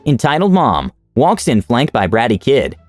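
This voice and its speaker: A man narrating online stories as scripted narration, with an expressive reading. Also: medium pitch, normal speed, dry recording, faint music behind. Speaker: story narrator.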